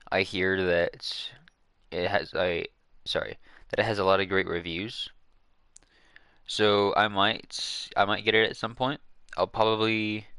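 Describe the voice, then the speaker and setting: Deep-voiced man rambling on a live stream. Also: sharp tone, clear, resonant tone, no echo. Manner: rambling, hesitant, many fillers and restarts. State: hiccuping. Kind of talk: casual live-stream chat.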